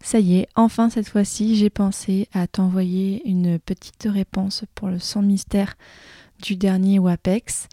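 A woman's voice: mid-range voice, level tone, unhurried, warm tone, no echo, clean studio sound. A woman leaving a casual spoken message as a listener, thinking aloud as she goes.

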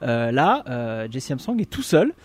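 Man with a lively, hesitant delivery. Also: mid-range voice, a little slow, breathy edge, no room sound. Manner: hesitant, many fillers, lively intonation. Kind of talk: casual chat.

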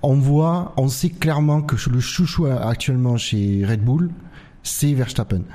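A man's voice: mid-range voice, dark tone. A man explaining his view in a casual panel discussion, feeling his way through sentences. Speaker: motorsport talk show panellist.

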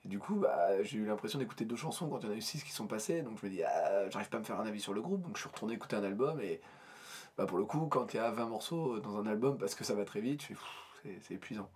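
A man's voice: on the low side, expressive, fast, a little mellow, husky. A man co-hosting a casual podcast chat about metal bands, talking in a hesitant, rambling way with many restarts. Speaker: podcast co-host.

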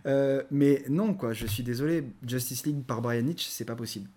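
A man's voice: mid-range voice, normal speed, mellow. A man co-hosting a podcast, ranting animatedly in casual chat with frequent stammering restarts. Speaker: podcast co-host reviewing comics.

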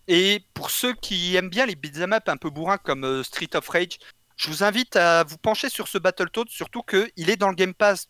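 A man's voice: high-pitched, pushed and bright, no room sound. A man co-hosting a casual video game chat, joking and slangy, with lots of fillers. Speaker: game show co-host.

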